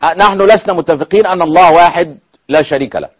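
A man's voice: on the high side, highs cut off. A man with an Egyptian Arabic accent hosting a studio debate show, questioning a caller and cutting in often. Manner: fast, animated, interrupting. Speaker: TV talk show host. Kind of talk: heated religious debate.

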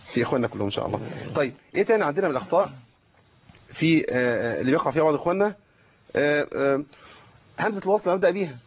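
A man's voice: a little high, expressive, rapid-fire, pauses often, husky, lo-fi sound. A man with an Egyptian Arabic accent teaching Quran recitation rules, asking questions and answering them himself. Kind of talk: tajweed lesson with recited examples.

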